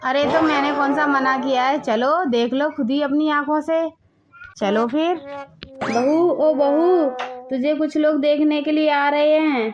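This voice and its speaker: A woman's voice: high voice, steady tone, a little slow, lo-fi sound, crowd noise. A woman voicing a proud, fussy older mother-in-law in a cartoon story, boasting and wailing theatrically. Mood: boastful. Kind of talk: Hindi cartoon dubbing.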